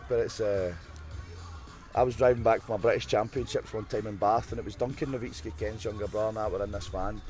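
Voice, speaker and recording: A man's voice: on the low side, fairly even intonation, quick pace, a little mellow, soft background music. A man doing casual, jokey commentary on a livestream, swearing and laughing often. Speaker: stream co-commentator.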